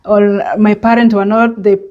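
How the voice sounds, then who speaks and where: A woman from Kenya with a Kenyan accent, talking in a reflective personal vlog and pausing often to think. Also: mid-range voice, flat delivery, muffled recording. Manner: unhurried and reflective, with many hesitant pauses and fillers. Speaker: vlogger.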